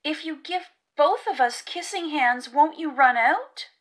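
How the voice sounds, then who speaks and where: A woman's voice: high-pitched, lively intonation, unhurried, a bit bright, pitched above the performer's own voice. A woman voicing a young boy raccoon, an anxious, plaintive big brother in a storybook. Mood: worried. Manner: plaintive, childlike complaining.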